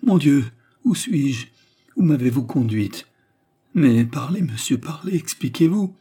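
A man's voice: medium pitch, moderate pace, mellow, slightly rough, lightly acted. A man reading aloud and voicing a scheming young widow who feigns distress in a dramatic, pleading way. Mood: alarmed.

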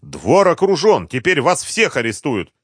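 A woman's voice: big pitch swings, extremely slow, slightly rough, dry recording, clean studio sound, full character voice. A man voicing a bold, defiant young woman journalist in an audiobook, speaking in a challenging tone. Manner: challenging, shrill when shouting.

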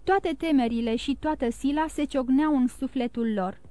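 A woman narrating a classic novel as an audiobook in a steady storytelling reading. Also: high voice, dry recording. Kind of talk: scripted narration.

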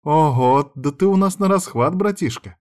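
A man voicing a dramatic, excitable teenage girl who is the narrator's younger sister. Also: fairly high pitch, normal speed, voice pushed up, natural voice. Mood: teasing. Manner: exclaiming, protesting, dramatic.

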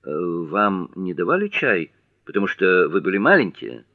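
A man voicing a naive, earnest young gentleman asking curious questions. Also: sits low, very animated, moderate pace, phone-quality sound.

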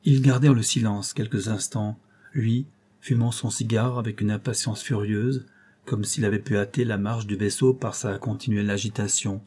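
A man reading a classic novel aloud as narrator, in a measured storytelling delivery. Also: on the low side, steady tone, warm tone, breathy edge. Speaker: audiobook reader.

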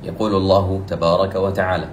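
Man, recitation teacher, lowish voice, echoey room, faint ambience. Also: level tone, slight background noise. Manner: explains rules quickly, then recites verses slowly and louder. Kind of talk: tajweed lesson with recited examples.

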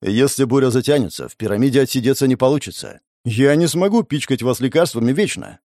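A man doing a calm coaxing chemist. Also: mid-range voice, fast talker, no room sound, studio quality, natural voice. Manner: soothing, coaxing. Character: older male chemist, calm and persuasive.

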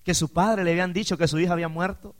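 A man preaching a sermon as pastor, swinging between quiet storytelling and loud, emphatic swells, often calling out to his listeners as brother. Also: high voice, fairly even intonation, rapid-fire. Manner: addresses listeners as "hermano".

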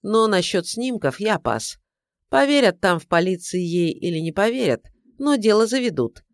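A woman's voice: medium pitch, big pitch swings, normal speed, dry recording, voice pushed up. A woman voicing a weary sardonic detective. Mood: grudging. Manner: dry, tired, grudging. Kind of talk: audiobook character voice.

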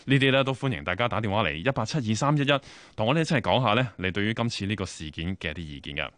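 A man with a Hong Kong Cantonese accent hosting a radio phone-in show, talking briskly and filling his sentences with particles. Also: fairly low pitch, lively intonation, a bit bright, no room sound. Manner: brisk, many filler particles. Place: radio studio.

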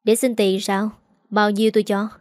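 A woman's voice: medium pitch, level tone, moderate pace, a little mellow, dry recording, studio quality, lightly acted. A woman voicing an arrogant, cruel rich young man who mocks and sneers. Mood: sneering. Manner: sneering, mocking.

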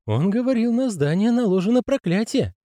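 Very high shrill old woman, put on by a man, mellow tone, dry close sound. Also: very animated, fairly quick, no echo. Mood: eager. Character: eager odd old woman, also a tense young lad.

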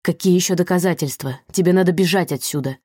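A woman's voice: on the low side, fast, dark tone, husky, no echo, clean studio sound. A woman doing a tense young rescuer man. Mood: urgent. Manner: urgent, strained.

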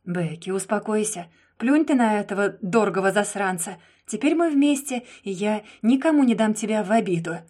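A woman's voice: medium pitch, animated, moderate pace, hardly any pauses, darkish tone, natural voice. A woman reading the part of a jealous, devoted young man in an audiobook, pleading and insistent.

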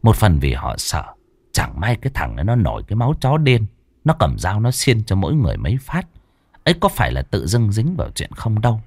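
A man's voice: on the low side, huge pitch swings, fairly quick, a little mellow, slightly rough, no echo. A man narrating a ghost story in a dramatic storytelling manner. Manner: dramatic storytelling with voiced characters. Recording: dry close recording with faint music.

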